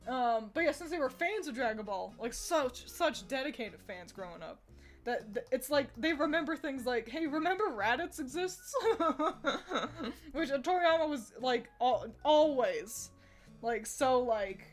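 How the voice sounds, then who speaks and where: A woman's voice: high-pitched, expressive, a little slow, faint music behind. A woman streamer chatting casually with her viewers, rambling and laughing often between thoughts.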